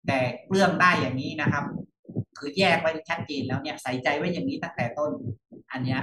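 A man teaching monastic rules over a video call. He speaks in an unhurried lecture style, circling back over his points. The sound is roomy, and he sits some way from the mic. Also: on the high side, recorded from a distance, noisy background. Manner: unhurried, repeats phrases with polite particles. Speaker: monk teaching monastic discipline.

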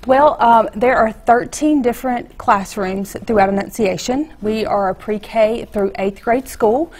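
A woman, an art teacher explaining her class on a TV interview in a chatty, halting way, on a lapel mic. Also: a little high, a little mellow. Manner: chatty, halting with fillers and restarts. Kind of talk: TV studio interview. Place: TV news studio set, seated.

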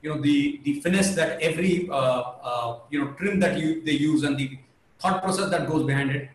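A man's voice: on the high side, slight background noise. Hesitant man, echoey call. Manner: hesitant, halting. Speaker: company co-founder, interview guest. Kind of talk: conversational interview answers. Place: indoor room, video call. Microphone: video call. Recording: echoey room on video call.

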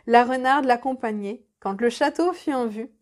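Brief: female storyteller, high-pitched, measured expressive reading of a children's tale.

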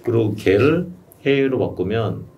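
In a small studio room, a middle-aged man works one-on-one with a client, giving consulting advice as a YouTube coach. His fairly low voice has lively intonation and an unhurried, patient, steady delivery, with a crowd audible in the background. The recording comes from a distant desk mic on a stand and carries faint room noise.

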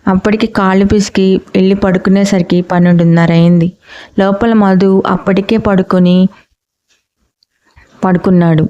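A woman's voice: medium pitch, fairly even intonation, normal speed, long pauses, warm tone. A woman reading a family drama story aloud, speaking each character's lines in her own voice. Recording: muffled lo-fi recording.

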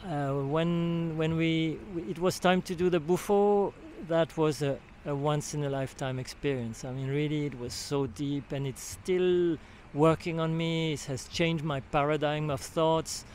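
At an outdoor beach camp, an older French-accented Swiss man offers his testimonial as a retreat participant, holding a recorder near his mouth. His slightly high, somewhat mellow voice moves at a measured pace with few pauses, though he often hunts for words and restarts; there's a faint hiss or hum.

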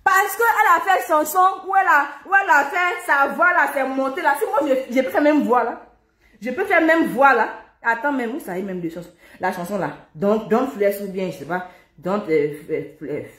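A singer with a high, slightly bright voice chats playfully at a normal speed, joking and breaking into lines of worship song while a little out of breath. The room is echoey, with music behind her.

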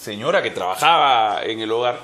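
A man with a Peruvian accent, a politician guest on a TV chat show, telling jokes in a chatty, animated way. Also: medium pitch, brisk. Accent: Peruvian Spanish.

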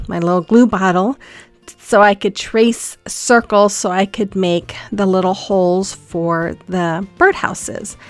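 A woman's voice: medium pitch, no room sound. A woman hosting a casual craft tutorial voice-over, chatty and rambling with frequent ums and restarts. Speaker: craft channel host.

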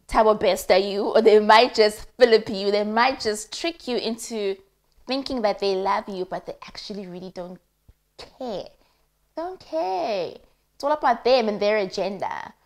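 A young South African woman with a South African accent, casually telling a personal story while cooking, acting out the people she quotes. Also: mid-range voice. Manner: animated, acts out quoted voices, mixes in isiZulu. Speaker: cooking vlogger.

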